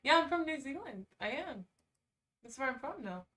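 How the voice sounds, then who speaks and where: This livestream host is a woman with a high, bright voice that swings widely in pitch, her tone forceful and her pace moderate. The mic is distant as she chats casually, reads quizzes aloud, and throws in sarcastic asides.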